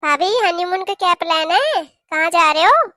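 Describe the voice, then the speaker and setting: A woman's voice: very high voice, expressive, moderate pace, pushed and bright, no echo, studio quality, heavily acted. A woman voicing a caring young married daughter in a cartoon, talking in an earnest, pleading way. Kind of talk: cartoon voice acting.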